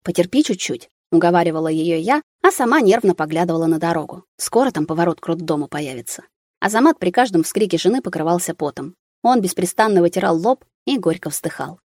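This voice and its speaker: Woman narrating an audiobook, low and dry. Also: animated, quick pace, darkish tone, no room sound. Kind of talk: first-person audiobook narration.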